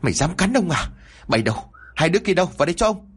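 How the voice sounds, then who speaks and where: A man voicing a cruel, lecherous old village chief who bosses people around in a husky voice. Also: mid-range voice, lively intonation, fairly quick. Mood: furious. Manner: bossy, barking orders, then oily and coaxing.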